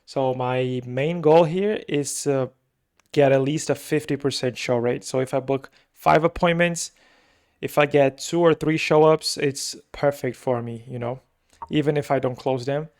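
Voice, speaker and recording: Recapping his week in a rambling casual vlog, the young Brazilian agency owner speaks unhurriedly, with plenty of fillers and repetition. Portuguese is his first language. His medium-pitched voice is a little mellow, with fairly even intonation.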